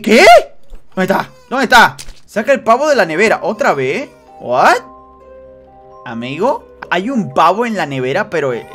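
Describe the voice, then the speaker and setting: A man commentating a horror game for his viewers, joking and teasing, dropping to hushed suspense and then bursting into shrieks. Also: on the high side. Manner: swings between hushed suspense and sudden loud shrieks. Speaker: gaming youtuber. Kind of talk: excited let's-play commentary.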